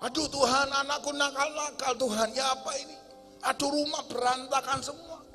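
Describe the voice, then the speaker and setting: A shrill, exasperated grumbler that a male preacher acts out in a high, strained voice, moaning to God. The voice carries a long church-hall echo with faint music behind it. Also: steady tone, moderate pace, sharp tone. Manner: high-pitched, exasperated complaining. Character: whiny overwhelmed adult grumbling to God.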